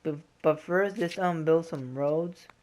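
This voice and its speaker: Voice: mid-range voice, slow, a little mellow. A gaming host giving informal, explanatory walkthrough commentary in a casual style.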